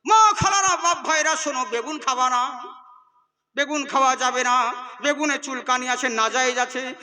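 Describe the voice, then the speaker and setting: A man putting on a pompous male village cleric who loudly declaims fatwas to a crowd. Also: extremely high pitch, normal speed, full character voice.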